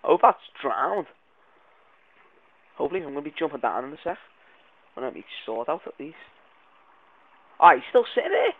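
A man giving excitable, jumpy let's play commentary, swearing and yelling when startled. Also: on the high side, moderate pace, long pauses, breathy edge, no echo. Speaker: gaming video creator. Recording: tinny lo-fi mic sound.

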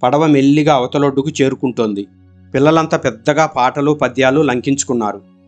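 A man narrating a storybook audiobook in a steady, expressive storytelling manner. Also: mid-range voice, fairly quick, soft background music.

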